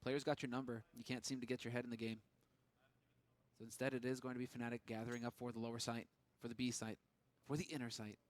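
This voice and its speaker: Fast-talking male esports caster. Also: medium pitch, little pitch movement, no echo. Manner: running, urgent narration of the action. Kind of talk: live esports play-by-play commentary.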